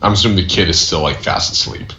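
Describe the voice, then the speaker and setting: A man's voice: low voice, fast, sharp tone. A man playing a tabletop game casually with a dry, offhand manner, in a dull, echoey recording with background noise. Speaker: player.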